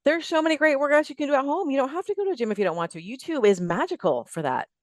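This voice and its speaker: Speaking high, very animated and at a racing pace, a middle-aged woman guests on a podcast. Her casual interview talk offers fitness advice that is emphatic and plain-spoken, laid out point by point in lists.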